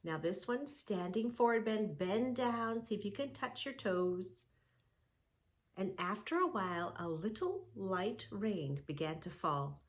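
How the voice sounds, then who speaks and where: A woman reads a story aloud and leads preschoolers through yoga poses, speaking simply and encouragingly straight to the child. Her medium-pitched voice is animated, and her pace is measured.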